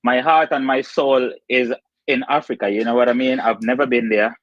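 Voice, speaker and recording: A man with a Kittitian accent talks earnestly as a show caller. His pitch is middling and he repeats himself for emphasis in loose, casual chat. The audio is dull and lo-fi, with a dry sound. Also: steady tone, moderate pace, no echo. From Saint Kitts and Nevis, Caribbean.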